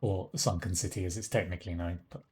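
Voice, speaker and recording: A man's voice: low voice, fairly even intonation, quick pace, husky. A man casually commentating on his live game stream, rambling with wry, chuckling asides.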